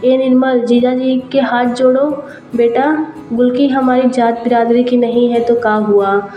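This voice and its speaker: A woman's voice: fairly high pitch, steady tone, unhurried, dull audio, close to an everyday voice. A woman reading as a shrewd village mother. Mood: coaxing. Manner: coaxing, rustic dialect. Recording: roomy with faint music.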